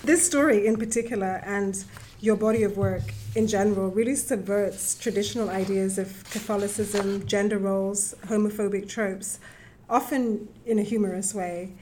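A woman hosting an interview, giving a formal introduction and asking questions in a steady, measured way. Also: medium pitch, a little hiss or hum. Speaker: interview host introducing a guest.

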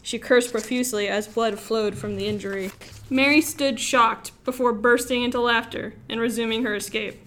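Young LA woman reading her own story, wry and expressive, kinda high pitched. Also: normal speed. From Los Angeles, USA. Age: young adult. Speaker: student author.

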